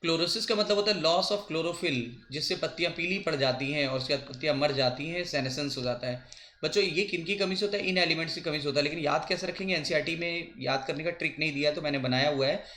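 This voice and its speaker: A man teaching a biology coaching lesson, repeating and spelling out memory tricks slowly for his students. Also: fairly high pitch, steady tone, pushed and bright, a little hiss or hum. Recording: echoey room.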